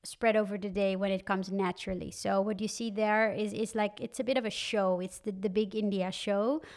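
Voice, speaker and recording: A woman's voice: mid-range voice, steady tone, normal speed. A young woman from the Netherlands, a guest on a podcast, chatting casually and animatedly with frequent fillers and laughs. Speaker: guest, wine content creator. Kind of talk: casual interview chat.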